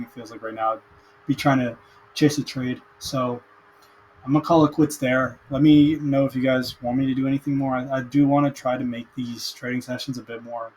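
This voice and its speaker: A man's voice: medium pitch, a little hiss or hum, rough recording. A young man casually talking through his day-trading session, tired and hesitant, with many fillers and restarts, recorded on a webcam. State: mentally tired. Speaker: aspiring day trader vlogger. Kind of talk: casual screen-share commentary.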